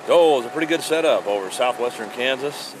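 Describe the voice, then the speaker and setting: A man's voice: mid-range voice, expressive, a little fast, low-quality recording. A man giving casual expert explanations in an informal outdoor interview. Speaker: storm chasing expert.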